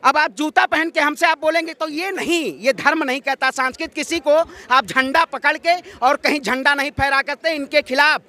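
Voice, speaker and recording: Speaking at normal speed with few pauses, a protester from Ayodhya, north India, delivers fiery street oratory in a very high, bright voice. The outdoor protest interview turns into a political speech, combative and declamatory, punctuated by rhetorical questions.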